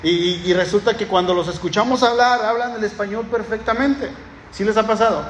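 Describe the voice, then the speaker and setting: A man's voice: sits high, a little fast, a little hiss or hum. A man with a Mexican Spanish accent preaching a sermon, teaching from the Bible in a conversational storytelling way with frequent restarts. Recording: echoey hall with long reverb, faint ambience.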